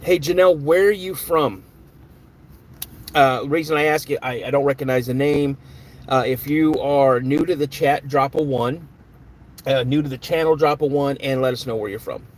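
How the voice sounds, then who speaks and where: A man's voice: medium pitch, normal speed, a little hiss or hum. A man hosting a live stream in a casual, chatty way, greeting viewers by name and answering their comments.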